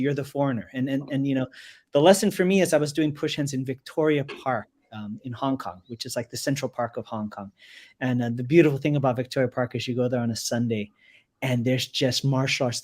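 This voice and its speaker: A man in his forties telling a story in a relaxed, talkative way, often repeating words as he goes. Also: medium pitch. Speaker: resident kung fu master. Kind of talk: casual storytelling on a live show.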